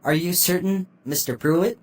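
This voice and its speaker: An actor voicing a calm, polite computerized doctor robot in a gentle care-robot manner, courteous and formal. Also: mid-range voice, normal speed, a little hiss or hum. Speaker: infirmary computer.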